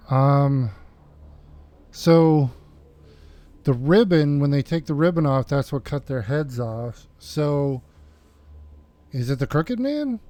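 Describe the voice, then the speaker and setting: A man's voice: a little high, mellow. A man hosting a let's play, musing in a hesitant way with lots of ums and uhs. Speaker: gaming channel host. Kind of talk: casual let's play commentary.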